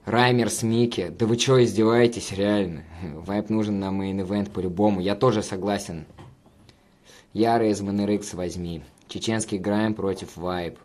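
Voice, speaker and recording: A man's voice: on the low side, steady tone, moderate pace, a little mellow. A man hosting a casual livestream, reading viewer comments and bantering with profane, rambling jokes. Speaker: livestream host reading chat.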